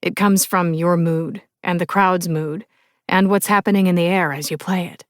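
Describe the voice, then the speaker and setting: An easygoing young rock musician, voiced by a woman reading an audiobook. He speaks in a calm, quiet, unhurried way, close and dry with no room sound. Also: lowish voice, no echo, lightly acted. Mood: earnest. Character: young man, laid-back rock musician. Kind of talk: audiobook character voice.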